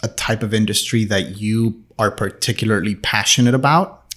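A podcast host introducing a guest and asking relaxed, casual questions. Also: medium pitch, normal speed. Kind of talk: conversational interview hosting.

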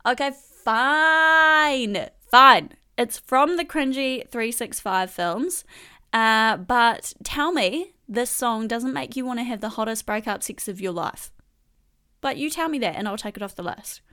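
A woman's voice: fairly high pitch, normal speed. Gushing young New woman. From New Zealand. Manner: animated, slangy, gushing. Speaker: host. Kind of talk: casual song countdown chat.

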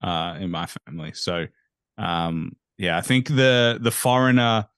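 A man with a notably low voice hosts a casual podcast interview. He asks searching, thoughtful questions and reflects at length. The recording is dry and close. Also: fairly even intonation, measured pace, fairly bright tone, clear, resonant tone, no echo. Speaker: podcast host.

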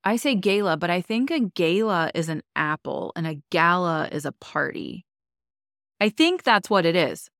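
A woman's voice: on the low side, very animated, moderate pace, gravelly, a bit bright, no echo, clean studio sound. A young adult woman, co-hosting a podcast in casual, enthusiastic chat full of "like". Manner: chatty and enthusiastic, many likes. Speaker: podcast co-host.

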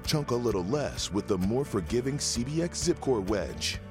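A man's voice: medium pitch, lively intonation, normal speed. A man reading a scripted promotional voice-over as a broadcast sponsor announcer. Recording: music bed under the announcement. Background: music.

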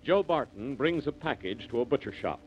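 A male announcer giving a brisk scripted recap of the story in old-time radio style, heard as an old broadcast. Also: medium pitch, expressive, dull audio, faint music behind. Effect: old radio broadcast sound.

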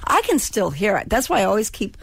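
Here her medium-pitched voice turns sing-song, quick, creaky and husky, captured in studio quality with no echo. The sixty-something Californian ex-child actor, with a slight lisp, jokes around in casual conversation as a radio guest.

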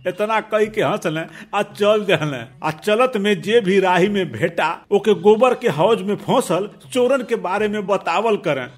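A man with a Bhojpuri accent, a radio host narrating a humorous folk tale in a chatty, playful way, talking to his listeners like friends. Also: high-pitched. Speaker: radio jockey and storyteller.

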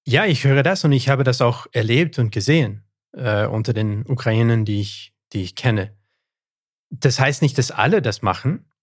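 On a podcast interview, a Canadian guest historian whose native tongue is English speaks German at a normal pace in a mid-range voice. The sound is dry and close, with no echo. He's thoughtful yet hesitant, often restarting and using fillers.

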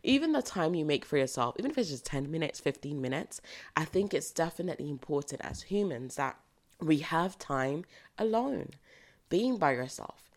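A British woman hosts a solo reflective podcast, her low voice slightly croaky from an early-morning recording. She speaks at normal speed with big pitch swings, earnest and motivational, repeating phrases for emphasis.

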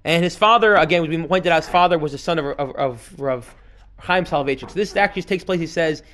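A man teaching a class as a rabbi, reading passages aloud and explaining them in an animated way, with Hebrew and Yiddish terms mixed in. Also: on the high side, fairly quick. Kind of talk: lecture on a text.

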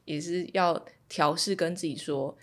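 A woman in her thirties from Taiwan, hosting a podcast and telling a calm, reflective story about her son in casual chat. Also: fairly low pitch, unhurried. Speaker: podcast host.

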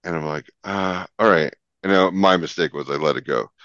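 A man who produces talk show segments, chatting casually and telling lively anecdotes with frequent laughter. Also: extremely low pitch, fast, dry recording, highs cut off. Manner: animated, laughs often, acts out voices in anecdotes. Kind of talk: casual storytelling chat.

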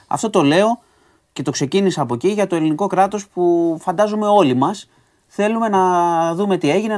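A man's voice: fairly high pitch, darkish tone. A man hosting a podcast, recapping news stories to a co-host in a casual, conversational way with asides and hesitations.

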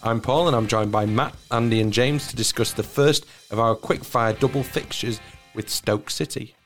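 A man's voice: medium pitch, moderate pace, fairly bright tone, faint music behind. A man in his thirties hosting a football podcast, putting questions and discussing the game. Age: 30s. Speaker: podcast host.

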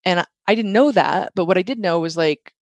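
A woman in her forties telling her story as an interview guest, animated, laughing often and saying "like" and "right". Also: lowish voice, fairly quick, no room sound.

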